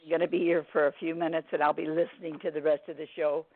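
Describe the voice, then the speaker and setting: A woman speaks with a gravelly, smoker-like rasp, her voice hoarse and strained. She talks in a plain, folksy, reassuring way, like a numerologist chatting on the radio. The sound is narrow and thin, as if down a telephone line. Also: deep voice, flat delivery, fast, slight background noise. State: strained, hoarse from throat trouble. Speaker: numerologist guest on a radio show. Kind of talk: casual radio forecast chat.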